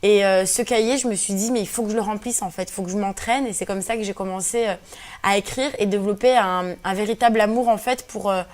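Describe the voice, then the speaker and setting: A woman in her twenties from Algeria, guesting as an activist, speaks fast in a mid-range, somewhat mellow voice. A native speaker of Kabyle Berber, she answers interview questions earnestly, hesitating often and using many fillers.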